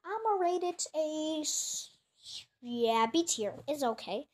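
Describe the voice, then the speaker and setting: A woman's voice: sits high, expressive, slow pace, darkish tone. A female creator chatting casually while reacting to her own old clips, chatty and self-mocking. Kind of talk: casual chat.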